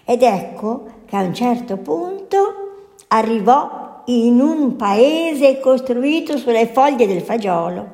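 A woman's voice: a little high, expressive, dark tone. A woman, a nun, reading a fairy tale aloud in a storytelling manner. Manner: slow, lilting storytelling. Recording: echoey hall.

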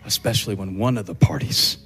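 A man preaching a sermon as a pastor, in a rhythmic style that stacks repeated phrases and climbs to shouts. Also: low-pitched, a little fast, slight background noise.

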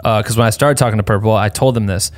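A man's voice: lowish voice, fairly even intonation, fast. A young man hosting a podcast, chatting casually and rambling in slang, laughing often. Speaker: podcast host. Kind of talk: casual podcast chat with ad read.

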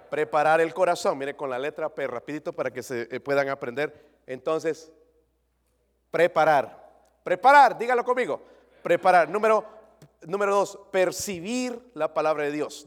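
A man preaching a sermon to his congregation, swinging from loud pleading to quiet confiding, with jokes and questions to the listeners. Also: on the high side, normal speed, in a large hall. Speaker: pastor.

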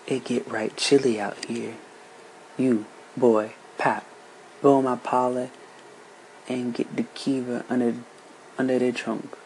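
Guy putting on a gruff old granny, bossy and scolding, slow drawl, faint hum behind. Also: medium pitch, little pitch movement, a little mellow, low-quality recording. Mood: stern scolding. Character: stern old Southern grandmother storyteller.

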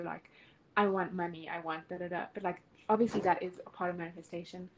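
A woman's voice: mid-range voice, darkish tone, poor audio. Giggly young woman. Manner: giggly, upbeat, filler-heavy. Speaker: podcast co-host. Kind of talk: casual chat.

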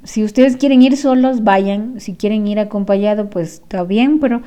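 A woman's voice: medium pitch, normal speed, warm tone. A woman, a spiritual healing therapist, giving casual advice to viewers and repeating phrases for emphasis.

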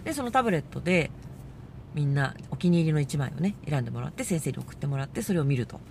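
A woman hosting a casual monologue, telling a story with lively delivery and acting out the voices she quotes. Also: sits low, quick pace, vocal fry, a little hiss or hum. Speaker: podcast host.

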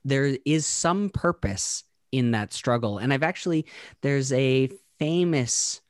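During a laid-back podcast chat, a co-host works through ideas aloud, halting often, restarting sentences, and using plenty of fillers. He speaks at an ordinary middle pitch. Captured close and dry, the audio has no room sound.

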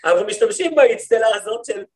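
A rabbi teaching a class for women, a man telling stories in a lively way and often turning to his listeners with questions. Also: sits high. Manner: lively storytelling, acts out quoted speech; talks to the listeners, asks them questions. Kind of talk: lecture to a women's study group.

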